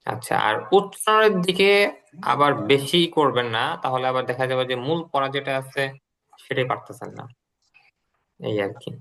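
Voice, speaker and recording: A man's voice: medium pitch, moderate pace, creaky, bright, forceful tone, low-quality recording. Patient male English teacher. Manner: patient, explanatory, repeats drills. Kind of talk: online class lesson.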